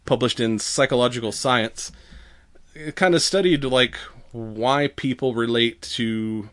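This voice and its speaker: A man co-hosting a podcast in casual chat, halting and conversational, with some swearing. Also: mid-range voice, fairly bright tone. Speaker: podcast co-host.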